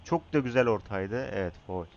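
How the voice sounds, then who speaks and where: A young man commentating his own football video game match, excitable, shouting at his players and chatting to viewers. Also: on the low side, normal speed, lo-fi sound, a little hiss or hum. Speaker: gaming YouTuber.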